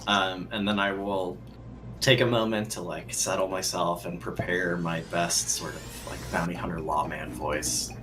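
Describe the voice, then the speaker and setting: A man's voice: sits low, little pitch movement, unhurried, music in the background. A man chatting casually as a player at a tabletop role-playing game.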